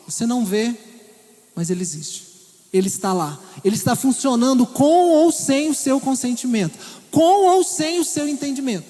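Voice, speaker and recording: A man preaching with a Minas Gerais Brazilian accent, his voice sitting very high for a man. He talks to the congregation casually, often checking in with them. The sound carries a long echo from the church hall. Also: expressive, normal speed, mellow. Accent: Brazilian Portuguese, Minas Gerais. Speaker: pastor. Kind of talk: sermon.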